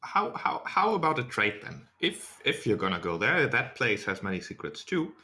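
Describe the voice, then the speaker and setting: A man's voice: mid-range voice, big pitch swings, normal speed, pushed and bright. A man voicing a shifty alien informant in a tabletop game, bargaining, stammering and easily indignant. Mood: cagey bargaining. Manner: stammering, repeats words.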